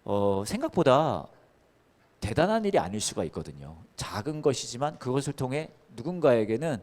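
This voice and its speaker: A man preaching a sermon as pastor, telling the story with lively acted-out voices and laughter. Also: mid-range voice, normal speed. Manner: animated storytelling, acting out biblical characters with playful laughs. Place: church service.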